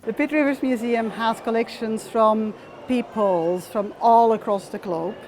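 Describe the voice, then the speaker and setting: A woman who directs a museum, explaining its aims in a measured, formal way in a documentary interview. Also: a little high, darkish tone, slight background noise, rough recording.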